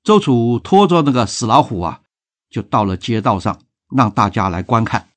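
A male storyteller recounting an old folk tale with animated expression. His mid-pitched voice swings widely from phrase to phrase. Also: moderate pace.

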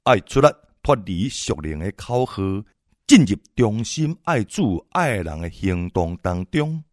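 Low-voiced man preaching with animated swings. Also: a little slow, no echo, studio quality. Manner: exhorting, swings between loud and soft. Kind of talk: sermon.

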